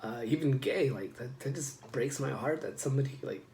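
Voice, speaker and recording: A man's voice: mid-range voice, brisk, background noise. A man in a casual personal vlog, talking straight to the viewer, rambling with many fillers and restarts. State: getting emotional. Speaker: vlogger. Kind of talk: casual personal talk to camera.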